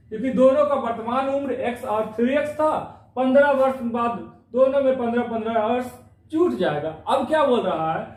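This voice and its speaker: This is an echoey, off-mic recording of a man whose voice is very high-pitched. He's running an exam-prep maths class, walking through the problems one step at a time and saying some phrases again and again.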